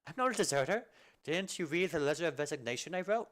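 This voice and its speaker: Man as a nervous young woman soldier, stammering, high anxious voice, game fan dub. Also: expressive, fast talker, fairly bright tone. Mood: flustered. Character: flustered young female soldier, nervous and jumpy.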